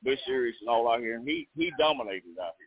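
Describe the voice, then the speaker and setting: Talking fast with a breathy edge in a medium-pitched voice, a Nashville-area race fan gives a casual, folksy phone interview. He's outdoors in a campground pool right beside a racetrack. The call comes through narrowband, phone-like and dry, without room sound.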